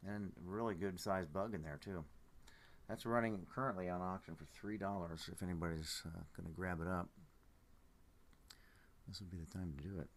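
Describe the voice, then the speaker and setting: A man's voice: low-pitched, steady tone, moderate pace, pauses often. A groggy man who has just woken up, musing casually and unhurriedly as he sells specimens on a livestream, trailing off mid-thought. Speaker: live auction seller showing amber specimens.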